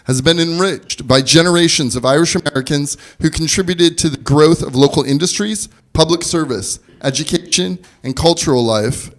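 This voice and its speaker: Male civic official, mayor type, slightly high pitch, formal meeting and proclamation delivery. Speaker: mayor chairing a council meeting. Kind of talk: formal public address and proclamation reading. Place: council meeting room.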